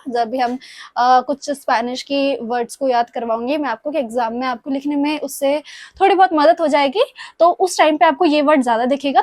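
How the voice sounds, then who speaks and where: A young woman with a sore throat teaches Spanish grammar to exam students, patient and repetitive, often pausing to check in with them. Her voice sits high, and the recording is dry and close with no room sound. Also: no echo. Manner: patient, repeats points, checks in with "ठीक है?". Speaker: Spanish tutor.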